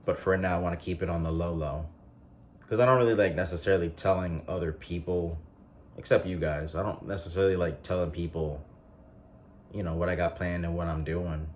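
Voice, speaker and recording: Male vlogger, late twenties, very low voice, casual filler-heavy chat, faint background hum. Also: fairly quick. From North Carolina. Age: 20s. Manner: relaxed rambling with frequent fillers and restarts.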